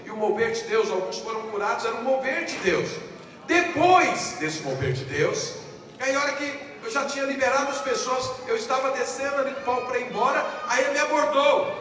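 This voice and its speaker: A man, a pastor preaching a sermon and telling a personal story in an animated way, repeating his key phrases. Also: extremely high pitch, a little fast. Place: large conference hall, live audience. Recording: echoey hall, voice from far off, ambient noise.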